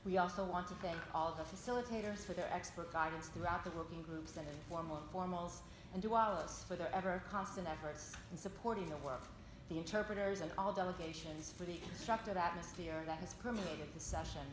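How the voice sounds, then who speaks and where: Echoey low-voiced woman delivering a formal statement. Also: brisk, few pauses. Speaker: NGO delegate speaking for an alliance. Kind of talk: formal prepared closing statement, read out. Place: large indoor conference meeting room. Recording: echoey conference hall, background noise.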